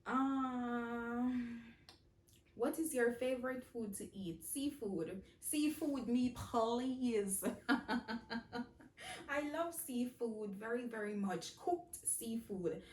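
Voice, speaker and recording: A young Jamaican woman answering viewer questions in a casual vlog, speaking slowly and warmly, often repeating herself and laughing. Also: fairly high pitch, echoey room, far from the mic. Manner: slow, heartfelt, repeats phrases, laughs often.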